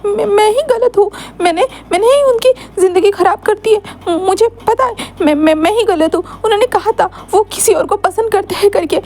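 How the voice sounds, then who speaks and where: A woman's voice: high voice, steady tone, brisk, mellow, close to an everyday voice. A woman voicing a heartbroken young man who cries and stammers while pleading to be loved. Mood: sobbing. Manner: sobbing, stammering, repeating words. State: crying.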